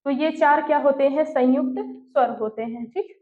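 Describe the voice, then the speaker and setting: A woman teacher giving an online class, slowly putting questions and answering them herself, and dictating notes word by word. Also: sits high. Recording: echoey room, tinny phone-like sound.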